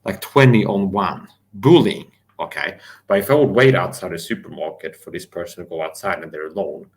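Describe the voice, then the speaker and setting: A deep-voiced man rants angrily and fairly quickly on a livestream, defiant and profane. He repeats himself, speaks straight to his listeners, and challenges them.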